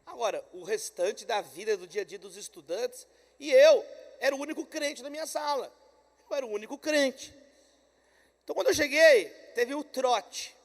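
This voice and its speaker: A Brazilian man preaching a conference sermon, telling a story with energy and swinging between loud calls and quiet asides. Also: very high voice, animated, normal speed. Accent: Brazilian Portuguese. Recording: long hall reverb.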